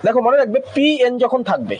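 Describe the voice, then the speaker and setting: High-voiced man teaching English grammar. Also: wildly swooping pitch, slightly rough. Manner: drills pronunciation slowly syllable by syllable, often asks "ঠিক আছে?". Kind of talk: classroom grammar lesson.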